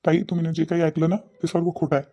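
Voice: mid-range voice, little pitch movement, fast, dark tone, lo-fi sound, natural voice. Someone voicing a nervous young village man. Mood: defensive. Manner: pleading, defensive.

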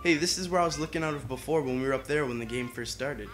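A man's voice: medium pitch, fast talker, fairly bright tone, soft background music. A young man giving casual let's play commentary, playful and boastful, often exclaiming as he plays. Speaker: gamer.

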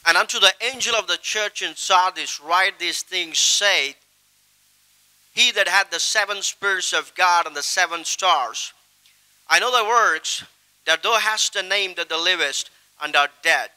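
A man's voice: high-pitched, measured pace, pushed and bright, clear, resonant tone, low-quality recording. A middle-aged man, an evangelist, seated on a stage reciting a long Bible passage from memory into a handheld microphone in a solemn, declamatory way with emphatic rises.

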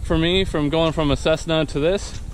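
Out on a wooded dirt path, a young vlogger who recently became a private pilot talks excitedly into a handheld action camera held at arm's length. His voice is fairly high and fairly even in intonation at a moderate pace; he rambles, restarts, and uses fillers over slight background noise.

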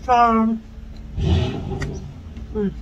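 A woman's voice: a little high, little pitch movement, extremely slow, muffled recording, a little hiss or hum. A woman vlogger chatting candidly over lunch on a work break, talking while chewing with her mouth full. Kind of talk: casual eat-with-me chat.

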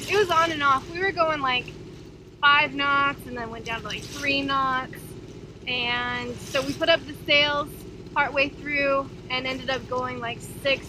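A woman's voice: high voice, background noise. A young woman chatting casually on a sailboat at sea, filmed with a camera held at arm's length. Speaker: sailing vlogger. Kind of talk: casual chat.

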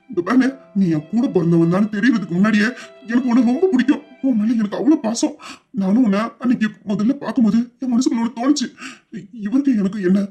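An overwhelmed younger brother in an audio drama, rambling through tears about the bond he felt, as a performer voices him. Mid-pitched and emotional. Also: dark tone, breathy edge, lightly acted. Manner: tearful, rambling, breaking into laughs and sobs. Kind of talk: amateur Tamil audio drama.

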